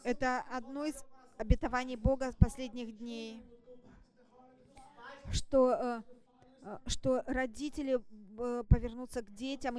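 A woman delivering a church sermon in short, halting phrases, exhorting the congregation as an interpreter would. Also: fairly high pitch, warm tone. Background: music.

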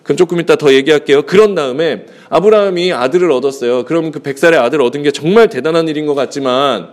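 A male pastor preaching a sermon in a conversational way, asking the congregation rhetorical questions and acting out bits of dialogue. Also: fast talker. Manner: acts out dialogue with shifting pitch.

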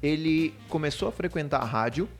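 A man's voice: a little high, a little fast, faint music behind. A man hosting a casual podcast interview, speaking with many restarts and easy agreement. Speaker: podcast host.

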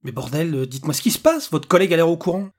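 A man voicing an exasperated adult man who swears, with a husky voice, reading a storybook. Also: a little high, animated, quick pace. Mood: demanding. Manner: blunt, swearing, irritated.

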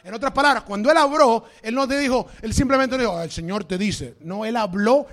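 A male pastor delivers an emphatic sermon to his congregation in church. His voice sits high, and he slips English phrases into his preaching. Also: brisk, a bit bright.

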